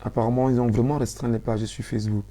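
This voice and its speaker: A man with a Cameroonian French accent hosting a live stream, speaking softly but insistently, repeating phrases as he pleads with viewers. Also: mid-range voice, little pitch movement, fast talker. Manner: mostly soft-spoken, swelling to urgency.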